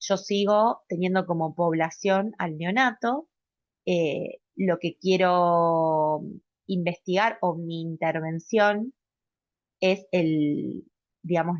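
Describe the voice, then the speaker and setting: A woman's voice: on the low side, dry recording, dull audio. A woman giving a recorded medical class lecture, explaining step by step and often checking in with a rising "¿sí?". She uses fillers and corrects herself mid-word. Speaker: pediatric residency lecturer.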